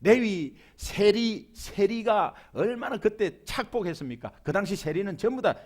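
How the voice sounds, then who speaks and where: A middle-aged male pastor from Busan with a Gyeongsang accent, preaching a humorous, animated sermon and acting out the voices he quotes. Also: high-pitched, measured pace. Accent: Gyeongsang (Busan) Korean. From Busan, South Korea.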